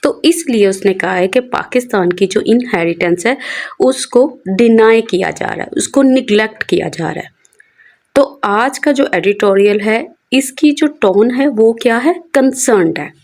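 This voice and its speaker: A woman who teaches English by walking students through a newspaper editorial. She asks questions and answers them herself, and reads the English phrases slowly. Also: a little high, expressive, darkish tone.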